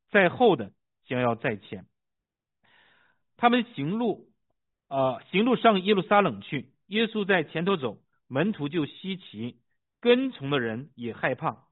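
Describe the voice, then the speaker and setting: A man pastor reading scripture, praying and preaching with fervent emphasis, pausing with fillers as he talks. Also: fairly high pitch, very animated. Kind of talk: sermon with scripture reading and prayer. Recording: tinny phone-like sound.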